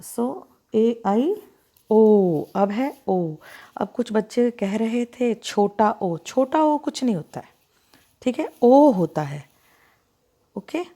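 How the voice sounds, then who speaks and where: Slow, patient Hindi teacher woman. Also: on the high side, animated, warm tone. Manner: slow and deliberate, drawing out each vowel sound, checking in with "ठीक है?". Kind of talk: slow, patient handwriting lesson for children.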